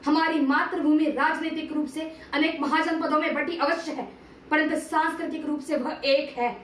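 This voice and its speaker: The woman's voice is high-pitched and steady in tone, moving at a normal speed. As an amateur reciting a TV serial monologue, she portrays a stern, patriotic male teacher-statesman of ancient India through solemn, declamatory oratory in formal diction. The distant mic captures a roomy space and faint noise.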